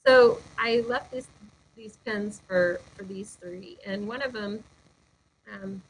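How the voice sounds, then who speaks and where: A woman who serves as lead pastor shares heartfelt personal stories in a webinar interview. She is earnest and uses frequent fillers. Her medium-pitched voice is slow with a breathy edge, and the recording is rough.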